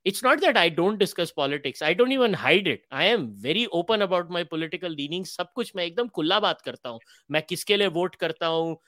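In a conversational interview, a podcast host from India speaks emphatically, switching candidly between Hindi and English. His voice is on the high side and a bit bright. The recording is dry.

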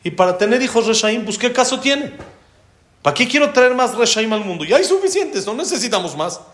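A man's voice: on the high side, lively intonation, normal speed, reverberant, lightly acted. A man voicing an earnest ancient king who argues and pleads as he retells a religious story. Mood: protesting.

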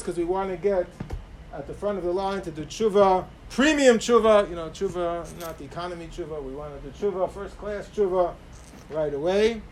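Male rabbi, high-pitched, sermon delivery, stressed phrases against quieter asides, some background noise. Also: rough recording. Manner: emphatic, swinging between raised stress and softer asides. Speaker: rabbi giving a religious talk. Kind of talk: sermon, Torah lecture with Hebrew quotations.

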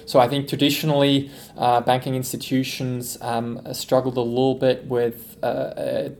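A man from Switzerland, a company executive, giving relaxed, thoughtful interview answers on a podcast. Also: mid-range voice, normal speed, a little hiss or hum.

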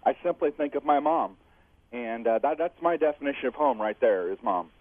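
A man speaks to a radio host over the phone, his voice squeezed through a thin, tinny line with no room sound around it. His pitch sits in a middle range. He talks in a reflective, heartfelt way, with small chuckles between his thoughts. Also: lively intonation, moderate pace, no room sound. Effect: heard over the phone. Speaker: radio caller. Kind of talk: call-in chat.

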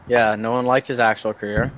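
A man's voice: medium pitch, flat delivery, a little fast, fairly bright tone, lo-fi sound. A man co-hosting a podcast, talking in a dry, teasing and profane way. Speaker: podcast co-host. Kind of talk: casual chat.

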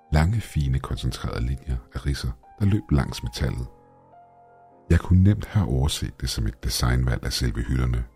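A man with a very low, dark voice reads a horror story in a measured, ominous way. His tone is thick and husky with plenty of breath. Faint music plays softly behind him. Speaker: horror podcast narrator. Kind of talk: scripted horror narration. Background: faint background music.

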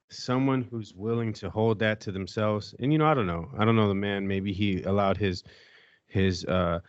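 A man's voice: lowish voice, clean tone, no echo, lo-fi sound. A man hosting a casual podcast chat, laid-back and rambling as he steers the talk. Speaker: podcast host.

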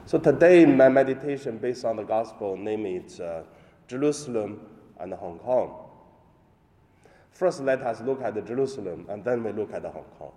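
A male priest who is not a native English speaker, reading scripture and preaching in a halting, deliberate way in a large echoing church. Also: on the low side, animated, dark tone. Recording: echoey hall with long cathedral-like reverb.

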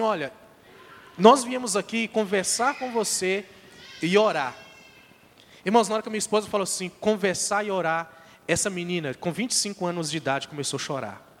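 A man with a Brazilian Portuguese accent giving an emphatic church testimony, urging the congregation directly. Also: a little high. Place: church hall. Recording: long reverb of a large hall.

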